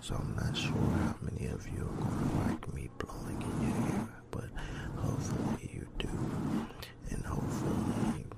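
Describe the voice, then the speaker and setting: A man speaking soft ASMR in a rough, deep, hushed voice that slips into whispering, slow and halting. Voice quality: deep, rough, breathy low voice. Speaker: ASMR video creator.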